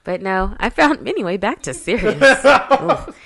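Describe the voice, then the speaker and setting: A woman's voice: mid-range voice, big pitch swings, moderate pace, creaky, a bit bright, no room sound, studio quality. A woman, co-hosting a podcast in loose, chatty talk and laughing often. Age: 30s. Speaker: podcast co-host. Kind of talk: casual chat.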